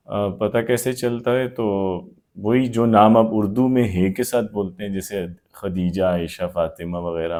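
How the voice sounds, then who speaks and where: A man's voice: lowish voice, warm tone. A man teaching Arabic grammar in a live online class, patiently explaining with many examples.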